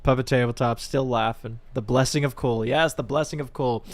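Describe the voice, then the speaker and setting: A man hosting a live stream of a board game, commentating as he plays and bursting into shouts and laughter. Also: medium pitch, steady tone, fairly quick. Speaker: streamer and channel host.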